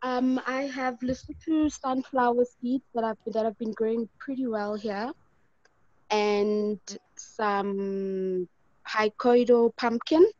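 A woman's voice: a little high, fairly even intonation, takes it slowly, a little mellow, no echo, dull audio. A woman joining an online workshop as a participant, polite and eager, a little hesitant. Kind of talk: casual chat on a video call.

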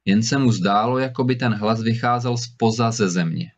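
Man narrating a fairy-tale audiobook. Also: fairly low pitch. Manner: steady storytelling, lively in dialogue. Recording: slightly dull recording.

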